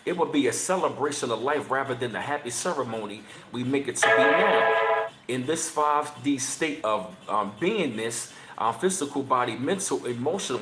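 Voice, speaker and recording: A man in his thirties hosting a casual livestream, chatting with viewers in slangy talk and reading passages aloud, his voice jumping high whenever he gets emphatic. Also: echoey room. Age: 30s. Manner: excitable, voice jumps high when emphatic, slangy. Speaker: channel host.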